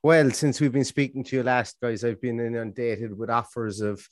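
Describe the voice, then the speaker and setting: A man's voice: mid-range voice, fairly even intonation, normal speed, dry recording, clean studio sound. A man with an Irish accent casually hosting a live football fan show, chatty and rambling.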